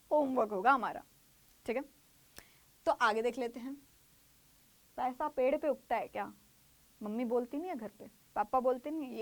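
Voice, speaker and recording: A woman teaching English grammar online, explaining in Hindi, repeating phrases slowly and acting out little skits. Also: high voice.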